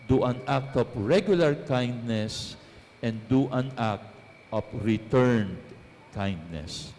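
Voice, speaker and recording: A man's voice: medium pitch, darkish tone, slight background noise. A priest giving a homily at Mass. He tells a story, mixes in English phrases and puts questions to the congregation. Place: church. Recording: long church reverb.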